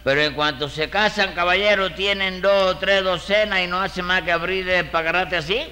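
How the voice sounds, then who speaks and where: An actor playing a fast-talking, argumentative male defendant in a radio comedy. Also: sits high, steady tone, bright, forceful tone. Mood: holding forth. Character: bold, wisecracking male courtroom defendant. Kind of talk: 1940s radio comedy acting. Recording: reverberant old radio recording.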